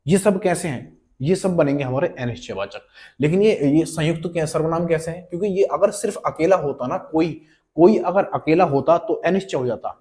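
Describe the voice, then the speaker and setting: A man's voice: on the high side, warm tone. Coaxing, repetitive male grammar teacher. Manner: conversational and coaxing, checks in with students often; repeats key words and example sentences slowly. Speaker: Hindi exam-prep teacher. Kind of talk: online lesson explaining grammar questions.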